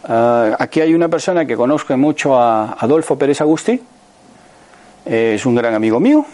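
A man's voice: mid-range voice, very animated, normal speed, a little mellow. A man in his sixties with a Spain Spanish accent giving a motivational talk to an audience. He asks many rhetorical questions and keeps checking in with his listeners. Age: 60s. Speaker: motivational speaker.

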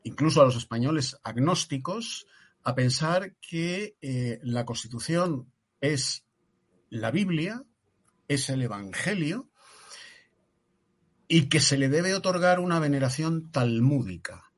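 A man's voice: a little high, lively intonation, takes it slowly. A man from Spain with a Peninsular Spanish accent giving emphatic political commentary on a talk show, full of rhetorical questions and tag questions.

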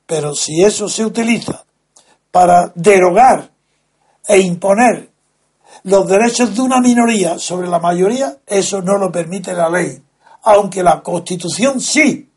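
A man talks through his point as a guest, slow and deliberate, hitting key words with weight. His voice sits fairly high for a man and has a husky, slightly rough edge. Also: darkish tone. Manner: slow, deliberate, lecturing, emphatic stresses. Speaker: guest speaker. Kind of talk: measured explanatory talk.

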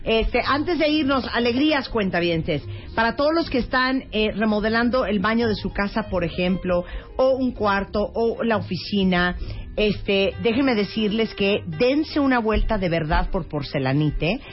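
A woman's voice: medium pitch, expressive, unhurried. A woman hosting a radio show, chatting casually and reading ads with enthusiasm. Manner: upbeat, enthusiastic. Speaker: radio host. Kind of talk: casual radio chat and live ad reads. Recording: dull lo-fi radio broadcast with faint music.

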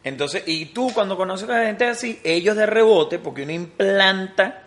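A man trades jokes as a podcast co-host. His voice is bright and forward and sits on the higher side, and his talk is loose and full of slang. He likes to repeat a phrase over and over for comic effect. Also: animated, normal speed. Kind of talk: casual chat.

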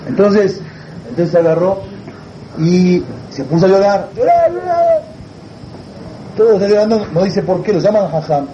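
A man with a high yet very dark, mellow voice preaching through a story. He acts out the characters as he goes. The recording is lo-fi and muffled, with a faint hiss behind. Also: moderate pace. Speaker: religious teacher. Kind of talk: sermon with storytelling.

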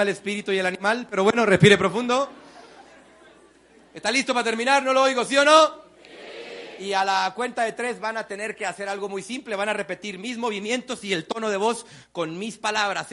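A man giving a live motivational talk, leading the audience in shouted chants. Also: sits high. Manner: energetic, leads the crowd in shouted chants. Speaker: motivational speaker. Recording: live hall with crowd noise.

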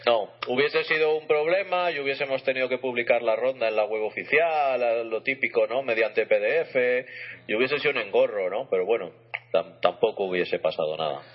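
A man's voice: mid-range voice, fairly quick. A man speaking casually as an interview guest on a radio show. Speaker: interview guest, chess festival organiser. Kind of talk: casual conversation. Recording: dull lo-fi radio sound.

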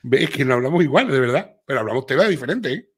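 A middle-aged man from Seville speaks with a clear Andalusian accent, hosting a relaxed livestream. His voice sits at an ordinary, middle pitch. He chats loosely, reads viewers' comments aloud, and peppers his talk with little tag questions. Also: quick pace. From Seville, Spain. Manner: chatty, reads viewer comments aloud, frequent filler tags. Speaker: livestream host. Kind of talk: casual live chat with viewers.

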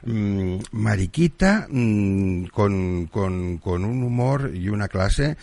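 Casting: deep, gravelly man hosting a chatty radio show, dry close sound. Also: extremely slow, dry recording. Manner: relaxed, laughing, reads listener messages. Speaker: radio host. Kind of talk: casual radio chat.

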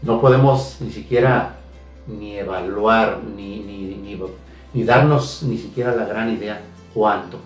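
A man's voice: lowish voice, slow. Earnest man giving a faith testimony. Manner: earnest, repeats phrases, many hesitations. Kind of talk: emotional spoken testimony. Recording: echoey room, heard from a distance, faint music.

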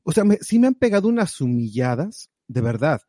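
A man giving lively, direct, motivational advice in a casual conversation. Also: fairly high pitch, fairly quick, no room sound, clean studio sound. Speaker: guest sharing advice.

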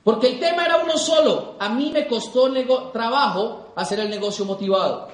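A young man giving an animated seminar talk to a live audience, repeating points for emphasis. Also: extremely high pitch, fairly quick. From Colombia. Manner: animated, repeats for emphasis, acts out quoted people. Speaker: motivational speaker. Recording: echoey hall.

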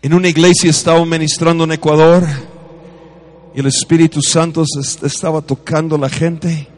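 A man preaching a charismatic sermon, swinging from shouted declarations to quiet storytelling and having the congregation repeat after him. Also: a little high, flat delivery, normal speed. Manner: calls on the congregation to repeat phrases.

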